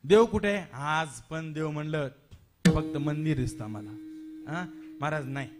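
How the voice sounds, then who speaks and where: A man's voice: on the high side, moderate pace, music in the background. A man preaching a devotional kirtan sermon with a Marathi accent, dramatic and full of rhetorical questions and repetitions.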